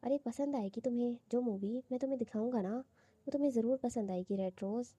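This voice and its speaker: A woman's voice: a little high, mellow, slightly rough, no echo. A woman voicing a teasing, romantic young husband in a coaxing, playful way. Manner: coaxing, playful, lightly reading.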